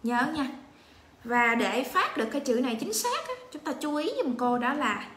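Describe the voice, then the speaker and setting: A woman with a Vietnamese accent teaching English pronunciation on a livestream, repeating each letter slowly for her learners. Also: high-pitched, expressive, roomy sound, noisy background. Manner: slow drilled letter-by-letter repetition.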